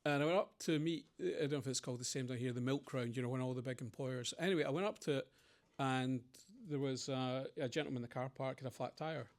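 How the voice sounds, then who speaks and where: A man's voice: mid-range voice, quick pace. A middle-aged Scottish man speaking on a panel, telling rambling stories and acting out the people in them. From Scotland. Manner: rambling anecdotes with quoted voices. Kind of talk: conversational Q&A storytelling.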